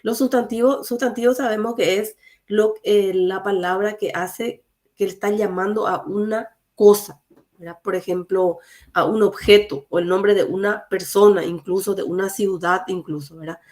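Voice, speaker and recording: A woman teaching a live online class in a mid-pitched voice. She walks through the grammar point by point, stopping often on fillers and checking that her students are following. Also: steady tone, moderate pace, a little mellow. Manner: explains step by step, mixing two languages, many fillers.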